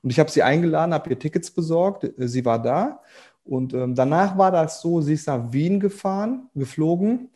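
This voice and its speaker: A man's voice: fairly high pitch, lively intonation, moderate pace, mellow. A man guest on a podcast, telling a personal story casually with many fillers and quoted dialogue.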